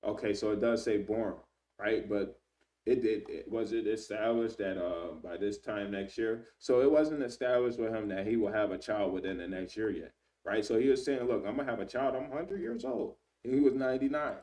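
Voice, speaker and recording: A man's voice: on the low side, dark tone, distant mic. A man in his thirties giving casual Bible teaching, talking loosely with frequent "man" and "right?", reading verses aloud and stopping to look things up. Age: 30s. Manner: conversational, fills with "man" and "right?"; reads scripture aloud and pauses to search.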